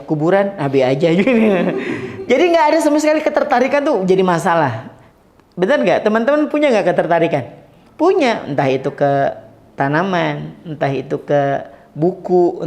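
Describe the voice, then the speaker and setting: A man giving a casual Islamic study talk to a live audience, lively and joking, acting out little dialogues and asking the audience questions. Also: a little high. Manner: lively, acts out quoted dialogue, jokes with audience. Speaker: Islamic preacher.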